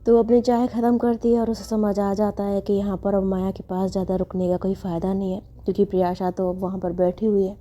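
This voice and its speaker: Mellow-voiced woman narrating a story casually. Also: mid-range voice, little pitch movement, fairly quick, hardly any pauses. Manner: chatty, repeats filler phrases. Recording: dull lo-fi with faint music.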